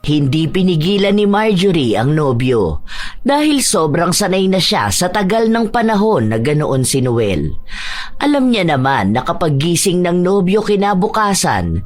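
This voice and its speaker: A woman narrating a dramatized story in a steady, measured storytelling manner. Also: fairly low pitch.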